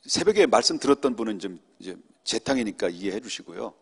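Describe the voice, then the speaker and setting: A middle-aged man preaches in a church sanctuary, his voice gravelly and a touch husky. He swings his pitch widely as he tells his story and acts out the people in it. A long reverb trails each phrase. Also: fast talker. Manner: animated storytelling, acts out quoted speech. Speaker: senior pastor. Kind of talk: sermon at a Friday prayer meeting.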